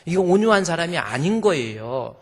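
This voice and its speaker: A man preaching a sermon as pastor, lively, acting out quoted voices with humor, in a church sanctuary. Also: on the high side, moderate pace. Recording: long hall reverb.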